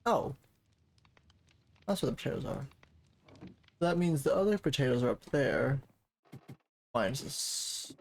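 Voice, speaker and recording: A man streaming a game from his desk mic, casual commentary that rambles and corrects itself, and he talks fast. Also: medium pitch, very animated, creaky. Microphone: desk microphone.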